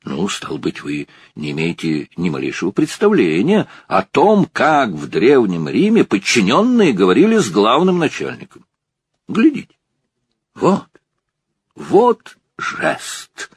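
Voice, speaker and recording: A man voicing a fussy, pompous stage director who lectures loudly. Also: huge pitch swings, unhurried, husky, no echo, full character voice. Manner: shrill, lecturing, theatrical.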